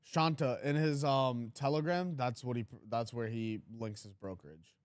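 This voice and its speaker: Twenty-something dude on a trading livestream, teasing chat, dead dry mic. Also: male voice, medium pitch, normal speed, clean tone, no echo. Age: 20s. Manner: blunt, teasing, reads chat aloud.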